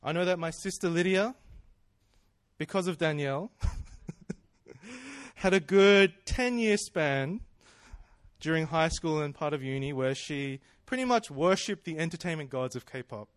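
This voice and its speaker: A man's voice: fairly high pitch, expressive, a little slow, no echo. A man, preaching in a chatty, self-deprecating storytelling way that often breaks into laughs. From Australia. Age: 30s. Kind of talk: personal storytelling sermon.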